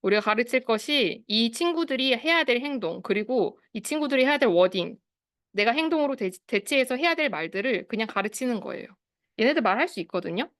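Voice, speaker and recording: A woman's voice: on the high side, expressive, a little fast, a bit bright, no echo. Woman lecturing on a video call, dry sound. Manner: explanatory, asks the audience questions, acts out quoted phrases. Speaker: speech therapist leading a study group. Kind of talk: online lecture to parents and teachers.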